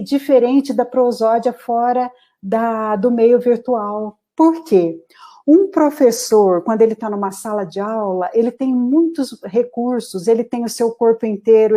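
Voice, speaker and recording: A middle-aged woman speaking as the guest expert in a live online interview, explaining at length in an animated, emphatic way over a video call. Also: fairly high pitch. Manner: animated, lecturing, emphatic slowdowns.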